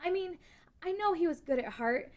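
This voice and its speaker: A woman's voice: very high voice, lively intonation, moderate pace. A woman playing a grieving, defiant young princess in a fantasy table read. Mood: questioning, resolute. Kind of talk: table read of a fan-written audio drama.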